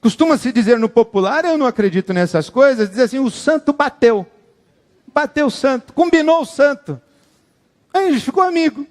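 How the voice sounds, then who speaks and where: A man preaching in an animated, dramatic way, his voice pitched high and bright for a man. A long hall reverb trails behind each phrase. He acts out the words of the people he quotes. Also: moderate pace. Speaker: pastor. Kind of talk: sermon.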